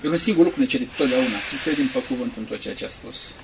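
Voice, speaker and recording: A male priest preaching a sermon, swinging from quiet asides to loud, emphatic peaks. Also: mid-range voice, gravelly, noisy background.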